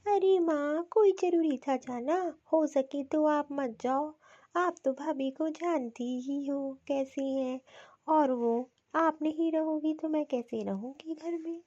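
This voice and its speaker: A fretful young sister-in-law from a cartoon, voiced by a woman, anxious and a little complaining but always obliging. The voice is very high-pitched, and the recording is slightly dull. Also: slow pace, dark tone, no room sound. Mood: worried. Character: put-upon young unmarried sister-in-law, worried and obliging.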